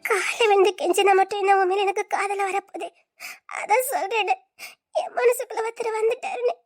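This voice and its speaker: A woman's voice: extremely high pitch, fairly even intonation, fairly quick, faint music behind. A woman voicing a young woman who tearfully and earnestly refuses a friend's love in an audio drama.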